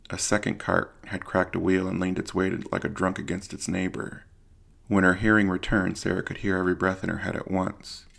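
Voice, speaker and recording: Narrating an audio drama, a man uses a deep, husky, gravelly voice and a grave, literary storytelling style.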